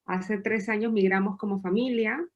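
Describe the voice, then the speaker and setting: A woman from Peru in her thirties, a podcast guest telling her story in a lively, chatty way with occasional laughs. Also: mid-range voice, moderate pace, highs cut off. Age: 30s. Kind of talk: casual interview storytelling.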